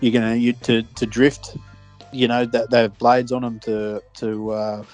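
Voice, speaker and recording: Medium-pitched man in casual, easygoing chat. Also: flat delivery, measured pace, darkish tone, soft background music. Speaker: fishing podcast co-host.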